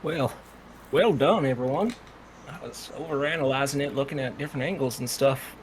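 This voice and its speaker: Man, player, southern US accent, friendly and hesitant, mid pitch, faint hiss. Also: normal speed, poor audio. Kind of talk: tabletop game chat and in-character talk.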